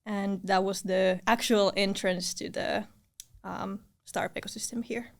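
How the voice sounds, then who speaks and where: A woman's voice: mid-range voice, steady tone, a little slow. A young woman from Finland, a podcast guest, talking in a modest, friendly, casual manner. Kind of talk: casual interview chat.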